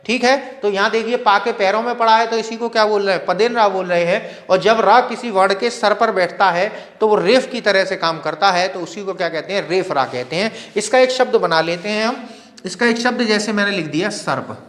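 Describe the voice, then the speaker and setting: A man teaching Hindi grammar in a video lecture, asking questions and answering them himself and slowly repeating key words. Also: high-pitched, a bit bright. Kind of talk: classroom-style video lecture. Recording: long reverb.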